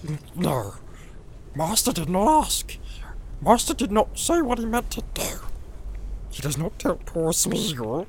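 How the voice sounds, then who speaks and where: A woman voicing Gollum, a wretched, groveling creature who pleads and wheedles in gravelly squeaks and hissing whispers. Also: sing-song, unhurried, pauses often, a little mellow. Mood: wheedling. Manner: wheedling, whining, swinging wildly from shrieks to whispers. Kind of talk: dramatized audiobook acting. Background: background music.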